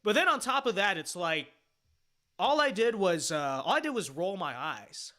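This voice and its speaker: In livestream reaction commentary on his own panel debate, a man sounds emphatic and dismissive, rambling opinionatedly with many fillers and restarts. His bright, forceful voice sits high with big pitch swings at normal speed.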